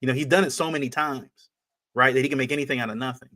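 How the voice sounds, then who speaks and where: A man co-hosting a sports talk podcast at a mid-range pitch. He speaks casually but with emphasis, driving his points home through repetition. He often stops and restarts his sentences. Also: fairly even intonation, very fast, bright, forceful tone.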